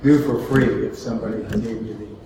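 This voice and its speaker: A man's voice: fairly low pitch, fairly even intonation, brisk, vocal fry, over a noisy crowd. A man interviewing a guest, asking plain, probing questions. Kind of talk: casual interview. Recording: very echoey, distant from mic.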